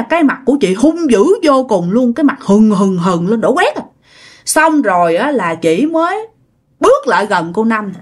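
A woman telling a ghost story in a chatty way, often addressing her listeners directly. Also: on the high side. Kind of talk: spoken ghost story narration.

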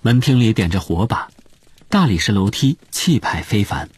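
A man reads a story as an audiobook narrator. His voice is low and lively, telling it expressively over a faint background noise. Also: normal speed.

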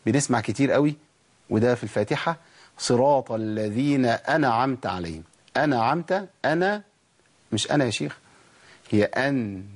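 A middle-aged man speaks with an Egyptian Arabic accent and talks at a brisk clip. His voice sits at an ordinary pitch. He teaches recitation rules by firing off questions and answering them himself, then slows right down to chant drawn-out examples. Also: darkish tone, breathy edge. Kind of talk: Egyptian colloquial tajweed lesson.

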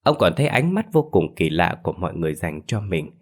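A man narrating a ghost story in an expressive scripted storytelling style. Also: sits low, quick pace. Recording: faint background music.

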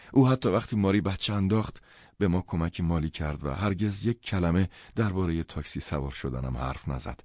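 Male audiobook narrator: deep, husky, calm first-person reading, dry sound. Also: dry recording.

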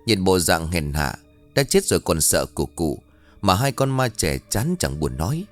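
Low-voiced male storyteller, animated delivery, ghost story audiobook, quiet music under. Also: normal speed. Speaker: narrator. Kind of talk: scripted ghost story narration.

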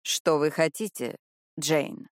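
Woman doing a slow, wary male detective. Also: low-pitched, steady tone, dry recording, studio quality, pitched below the performer's own voice, natural voice. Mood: guarded. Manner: slow, guarded.

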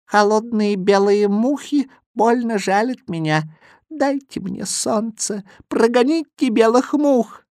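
A man's voice: extremely high pitch, slow, a little mellow, no room sound, studio quality, voice pushed up, heavily acted. A man reading an audiobook, voicing a small shivering boy who whimpers and begs for help. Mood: complaining. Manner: whimpering, begging. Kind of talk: audiobook character voice.

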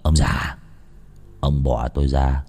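A man voicing an insolent, drunken adult son who mutters low and mockingly in a ghost story. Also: flat delivery, slow, creaky, darkish tone, heavily acted. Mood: sneering. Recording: long hall reverb.

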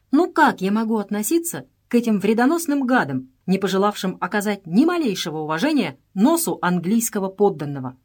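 A woman's voice: on the high side, a little mellow, pitched above the performer's own voice. A woman voicing a grumbling English servant man who complains indignantly and pleads in a storybook reading.

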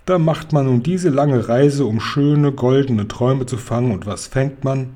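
Storybook giant done by a male reader: old, kindly, excitable, garbled speech, mellow tone. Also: medium pitch, a little slow, close to an everyday voice. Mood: excited. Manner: excited, garbled word choices.

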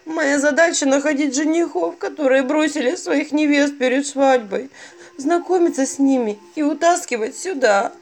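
A woman's voice: high-pitched, normal speed, pitched above the performer's own voice. A woman voicing a weepy, self-pitying dead young bride who talks through sobs. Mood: complaining. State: sobbing.

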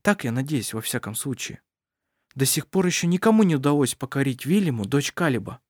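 A man reading the lines of a calm, strong-willed young woman in a hushed, steady voice, in a storybook reading. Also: medium pitch, a little fast, dry recording, clean studio sound, close to an everyday voice. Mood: calm resolve.

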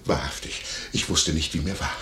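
An actor playing a fawning, gossipy innkeeper in a 1950s German radio play, talking in an eager, wheedling way. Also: male voice, a bass voice, moderate pace, bright, forceful tone. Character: fawning, nosy male innkeeper, middle-aged. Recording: roomy, faintly noisy 1951 radio recording.

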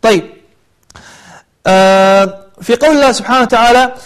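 A man teaching a tajweed lesson, explaining recitation rules and then chanting verses slowly with long drawn-out vowels. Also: very high voice, clean tone.

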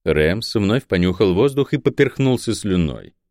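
A man narrating a fantasy novel in a steady storytelling voice into a close microphone. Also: fairly low pitch, measured pace, no echo. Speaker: audiobook narrator.

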